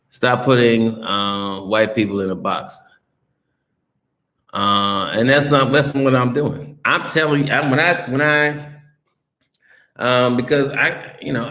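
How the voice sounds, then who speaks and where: In a mid-range, somewhat bright voice, an American man casually answers live-stream comments with blunt, profanity-heavy replies. He restarts himself often, and the room adds noticeable echo.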